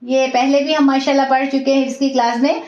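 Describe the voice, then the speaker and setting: A woman teaching a recitation class, patiently repeating each word slowly and often checking in with her students. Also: sits high, steady tone, a little mellow. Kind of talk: online class lesson, slow repetition drills. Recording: roomy, dull lo-fi audio.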